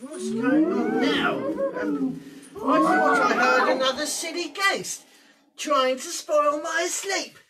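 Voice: high voice, big pitch swings, slow pace, a loud crowd, exaggerated voice. An amateur actor playing a grumpy, miserly, dismissive old man in a hammy pantomime. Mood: uneasy. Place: cluttered indoor room, filmed from a distance. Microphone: far camera. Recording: noisy room, distant camera microphone.

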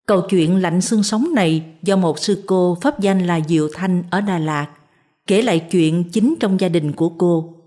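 A woman narrating a moral tale as a storyteller, reading calmly and evenly. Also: on the low side, normal speed.

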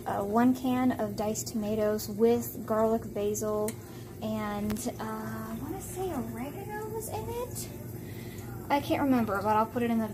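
Chatty lady doing a meal prep vlog at home, kinda high voice, lots of ums, noisy kitchen behind her. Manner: chatty, rambling, with frequent fillers. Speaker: vlogger. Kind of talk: casual cooking vlog.

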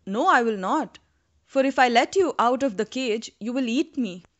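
A woman's voice: fairly high pitch, expressive, moderate pace, lightly acted. A woman voicing a pleading Brahmin traveller. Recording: dull lo-fi recording.

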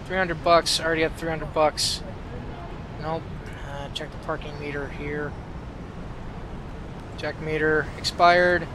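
A man's voice: on the high side, level tone, unhurried, pauses often, noisy background. A man giving casual, sarcastic gameplay commentary with plenty of swearing. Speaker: gamer.

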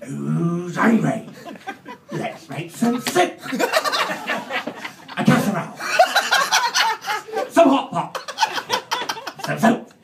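A comedian voicing an eager, bossy kitchen ladle in a drawn-out, booming voice. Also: male voice, very animated, gravelly, heavily acted. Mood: hearty. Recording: roomy live club, distant mic, noisy.

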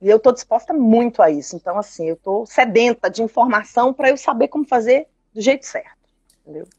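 A woman's voice: fairly high pitch, quick pace, darkish tone, breathy edge, no room sound, lo-fi sound. A woman caller in a Q&A, talking at length about her family and quoting the conversations she had. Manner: talkative, recounts dialogue, laughs often. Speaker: caller asking for advice. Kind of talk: personal account in a live Q&A.

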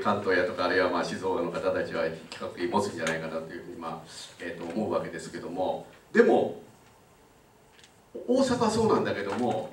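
An older man giving a public lecture in a conversational way, pausing often with filler sounds. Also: on the low side, slight background noise. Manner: conversational, frequent filler pauses. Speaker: guest lecturer. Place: lecture room. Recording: roomy, mic at a distance.

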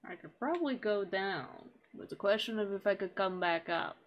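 A woman's voice: medium pitch, animated, normal speed, lo-fi sound. A woman streaming a video game, chatting casually with sarcastic, jokey asides. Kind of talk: casual gameplay chat.

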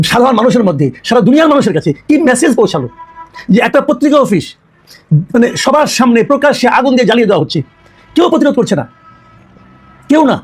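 A man giving indignant, accusatory political commentary, full of rhetorical questions. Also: very high-pitched.

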